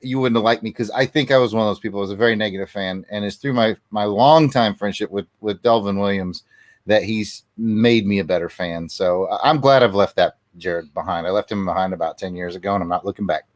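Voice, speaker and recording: A man co-hosting a casual sports show, talking as a passionate fan in an emphatic, deliberate way with drawn-out stresses. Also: on the low side, no echo. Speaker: sports podcast co-host. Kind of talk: casual fan talk and ranting about college football.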